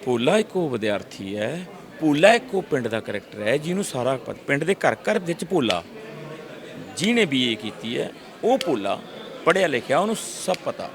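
A middle-aged man, telling lively stories in an interview and acting out voices. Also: mid-range voice, normal speed. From Punjab, India. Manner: lively storyteller, acts out voices, frequent restarts. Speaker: actor interviewee. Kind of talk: animated casual interview talk.

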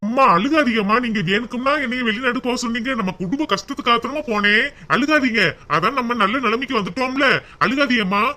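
A man's voice: very high voice, fast. A man voicing a grown village son back from work abroad, homesick and fond of his family. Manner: warm, homesick.

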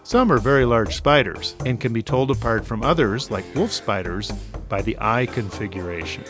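A man delivers scripted nature documentary narration in a mid-pitched, animated voice that swings up and down freely. His delivery is informal and wryly playful, and music plays behind him. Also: moderate pace.

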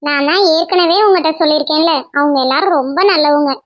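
A woman voicing a young cartoon wife who talks softly and apologetically to her husband. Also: sits high, steady tone, fast talker, no echo, lo-fi sound, lightly acted. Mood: apologetic. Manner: soft, apologetic.

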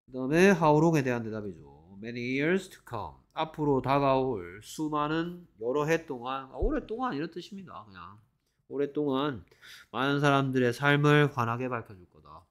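A man teaching an exam-prep English class to Korean students. He reads English sentences slowly, explains them, and keeps asking the class whether they follow. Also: mid-range voice, animated. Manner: repeats checking questions, reads English slowly then explains.

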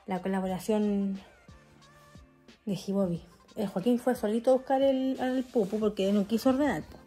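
A woman's voice: medium pitch, moderate pace, mellow, slightly rough, soft background music. A young woman with a Chilean accent, chatting casually in a vlog and telling rambling, slang-filled stories while cleaning at home. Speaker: vlogger.

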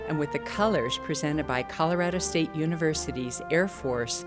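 A woman with a low, deep voice delivers a measured, formal ceremony address as a university provost. She speaks at a steady, deliberate pace from an indoor stage, with music playing behind her words.

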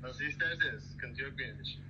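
A man's voice: medium pitch, fast talker, bright, forceful tone, highs cut off. A man politely taking an order as a shop worker in a casual phone conversation, heard over a speakerphone. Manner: polite, obliging. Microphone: heard through a phone speaker. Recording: noisy speakerphone call.

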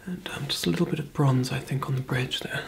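A woman in her thirties performing a fast whispered role-play as a brisk, chatty makeup artist, murmuring softly close to the microphone. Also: very deep voice, a little hiss or hum. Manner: fast, breathy ASMR whispering and soft murmuring. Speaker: ASMR performer.

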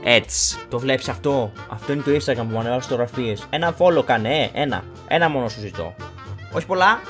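A young man giving jokey, excitable gameplay commentary as a YouTuber, shouting during fights. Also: mid-range voice. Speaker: gaming YouTuber. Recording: background game music.

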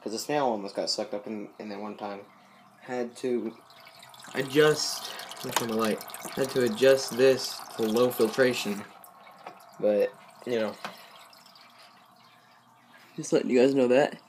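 Sitting by his fish tank at home, a young aquarium vlogger speaks to viewers in a low-side, unhurried voice, pausing often over slight background noise. He's rambling and loose-voiced, full of fillers and asides.

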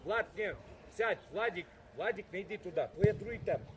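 A man coaching a youth football team, calling short commands to his players from the sideline. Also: fairly quick. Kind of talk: coaching shouts from the touchline. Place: outdoor football pitch. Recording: noisy crowd at an outdoor pitch. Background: crowd of parents and players.

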